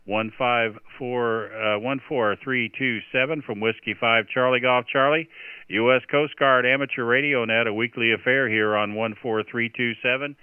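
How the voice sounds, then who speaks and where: A man runs an amateur radio net over the air, calmly spelling out call signs in the phonetic alphabet. His voice is very clear and crisp, but it comes through a thin, phone-like radio band. There is no room sound around it. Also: mid-range voice, no room sound. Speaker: net control operator. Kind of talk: radio net control calling for check-ins. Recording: tinny band-limited radio audio, dry.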